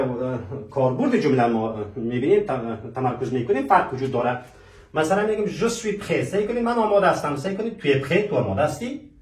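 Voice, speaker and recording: Male French teacher, higher voice, quizzes and answers himself, echoey room with the mic set back. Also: distant mic. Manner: asks rhetorical questions and answers them himself; slowly spells out French example phrases. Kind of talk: French lesson.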